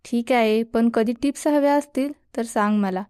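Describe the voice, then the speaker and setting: A woman's voice: a little high, moderate pace, darkish tone, smooth, no room sound, clean studio sound, close to an everyday voice. A woman voicing a cheeky teenage boy who teases his older brother and boasts. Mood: teasing. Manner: teasing and boastful.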